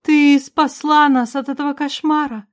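A woman reading an audiobook, voicing a tearful older queen mother who speaks high, loud and slow. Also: fairly even intonation. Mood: tearful, pleading.

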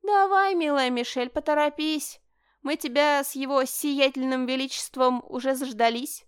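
A woman's voice: sits high, sing-song, normal speed, no echo, studio quality, voice pushed up. Woman voicing a smug, sneering nobleman. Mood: taunting. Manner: taunting, sing-song mockery. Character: sneering mocking male noble brother, smug.

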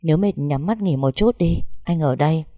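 Low, soothing young husband, read by a woman narrator; dry close sound. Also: moderate pace, no room sound. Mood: tender. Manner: soft, coaxing, reassuring. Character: tender young husband at a birth.

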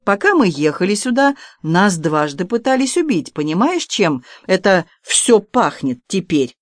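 An audiobook reader voicing a blunt, gruff army artilleryman who speaks curtly and mockingly. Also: medium pitch, very animated, measured pace, dry recording, clean studio sound. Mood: reproachful. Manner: curt and mocking. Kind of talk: audiobook character voice.

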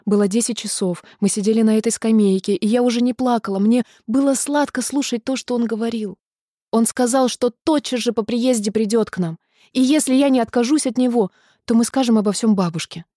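A woman's voice: medium pitch, normal speed, mellow, no room sound, close to an everyday voice. A woman voicing a tender, anxious young woman in a literary radio reading, emotional and pleading, close to tears. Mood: anxious, tearful.

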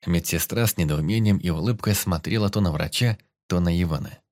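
A man narrating a horror audiobook in a steady, even manner. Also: deep voice, fairly quick, dry recording, clean studio sound. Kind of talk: scripted narration.

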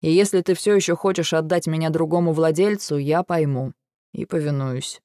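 A man voicing a weary, dry-witted male dragon in an audiobook, with a gravelly, restrained delivery. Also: fairly high pitch, steady tone, moderate pace, a little mellow, dry recording, close to an everyday voice. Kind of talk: audiobook dialogue reading.

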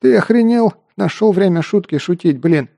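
A man reading an audiobook voicing a gruff, short-tempered mercenary who barks orders and swears. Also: fairly high pitch, moderate pace, warm tone, natural voice. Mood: shouting angrily.

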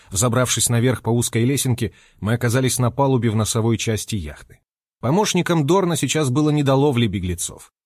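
A man reads a first-person story in a lively, expressive way. His pitch moves a lot as he reads, and the sound is dry and close to the mic. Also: no room sound. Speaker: audiobook narrator. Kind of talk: first-person audiobook narration.

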